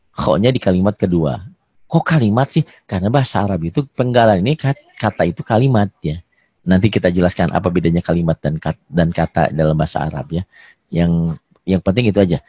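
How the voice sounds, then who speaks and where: A man teaching an online Quran recitation lesson. He asks questions in a high, loud voice, answers them low and quiet, and draws out the examples slowly. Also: dry recording. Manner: slow, drawn-out dictation of examples.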